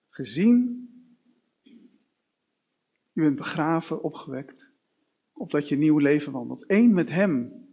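A male preacher delivers his sermon at an unhurried, deliberate pace. His voice is slightly high for a man and carries a husky edge. He builds his points through strings of repeated short questions. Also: darkish tone. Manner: slow, with repeated rhetorical questions.

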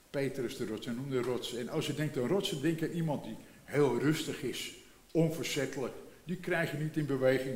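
A man's voice: mid-range voice, darkish tone, echoey room. A man in his seventies preaching a sermon in a reflective way, repeating phrases and rising for emphasis. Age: 70s.

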